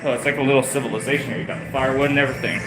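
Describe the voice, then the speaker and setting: Racing along in a steady, mid-range voice, a young man livestreams himself walking a theme park, phone in hand. His talk is rambling and chatty, packed with fillers, and he's breathless as loud park music plays outdoors.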